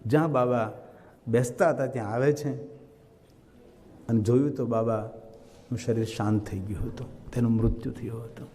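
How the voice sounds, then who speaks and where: A man's voice: medium pitch, warm tone, in a large hall. A man with a Gujarati accent telling a devotional story as a religious storyteller, voicing the people in the tale as he goes. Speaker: kathakar storyteller.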